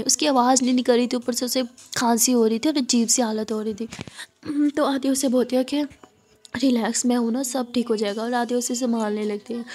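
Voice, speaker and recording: A woman's voice: a little high, a little mellow. A woman narrating a love story in a chatty, casual way with asides to the listener.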